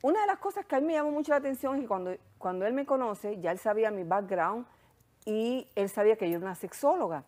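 Woman, Hungarian accent, guest sexologist, animated storyteller, higher voice. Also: quick pace. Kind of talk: casual chat.

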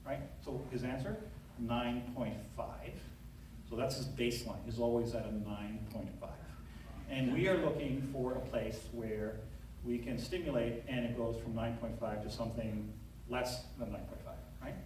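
There's a slightly mellow quality to this middle-aged man's medium-pitched voice, which holds fairly even intonation at a moderate pace. A neurosurgeon, he tells a story peppered with fillers in a conversational conference talk from a lectern in a large lecture hall. An audience camera far at the back picks him up, leaving the sound very echoey with a little hiss or hum.

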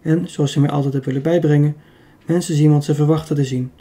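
A man reading an audiobook, voicing a self-assured young woman who calmly argues her plan. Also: fairly high pitch, quick pace, lightly acted. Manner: calm, persuasive. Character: very young woman, confident and clever.

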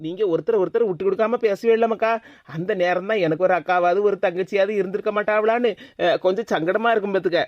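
A woman voicing a kindly cartoon aunt who calms the quarrelling girls, with a Tirunelveli Tamil accent. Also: mid-range voice, fast, dry recording, muffled recording, close to an everyday voice. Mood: soothing. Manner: soothing, laughs easily. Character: kindly aunt, calm peacemaker. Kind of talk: cartoon voice acting.

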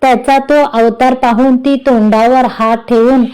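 Mellow-voiced woman telling a story. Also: sits high, measured pace, clear, resonant tone, low-quality recording. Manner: steady storytelling. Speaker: story narrator. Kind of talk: scripted story narration.

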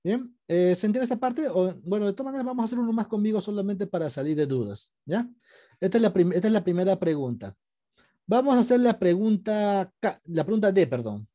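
Male teacher, patient and step-by-step, video call, very animated pitch. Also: brisk. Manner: patient, explains step by step, asks students questions. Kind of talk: online class lesson.

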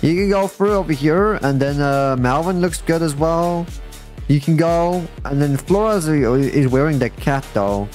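Higher-voiced casual male game streamer with music behind. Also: a little slow, a little mellow. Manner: slangy, addressing viewers and players as bro and guys. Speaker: live streamer hosting a game fashion show. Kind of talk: casual livestream chat and game commentary. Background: music playing behind the voice.

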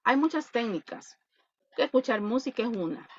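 A woman's voice: on the high side, expressive, moderate pace, lo-fi sound, a little hiss or hum. A woman English teacher with a Salvadoran Spanish accent, patiently explaining an online class and repeating her points.

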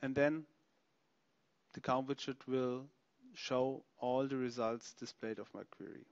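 Man, software demo narration, smooth clear voice, dry close sound, slightly dull recording. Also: mid-range voice, fairly even intonation, measured pace, dry recording.

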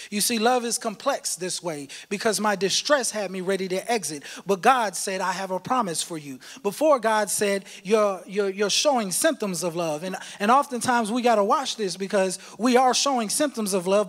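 A man preaching a sermon as pastor, impassioned and shifting between shouts and low tones, repeating words for emphasis. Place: church sanctuary. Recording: long hall reverb.

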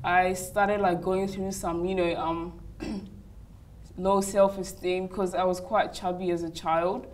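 Brief: young woman, lower voice, chatty interview guest, lapel mic. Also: level tone, slow, a little hiss or hum. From Uganda, raised in Australia. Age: young adult. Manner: chatty, many "like" and "you know" fillers. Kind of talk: casual interview answers. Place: hotel lounge, indoors.

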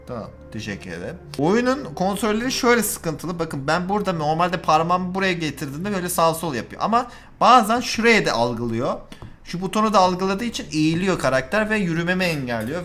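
Gaming YouTuber, male, a bit high-pitched, excitable and easily exasperated, chatting straight to viewers. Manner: excitable, exasperated, swinging from calm to shouting; addresses viewers directly. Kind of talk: casual let's-play commentary.

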